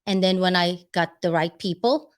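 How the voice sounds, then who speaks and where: A vlogger with a Filipino accent gives advice in a casual talk to camera, chatty and quick to laugh, rambling and often stopping to search for words. Her voice is on the low side, clear and resonant, at a moderate pace.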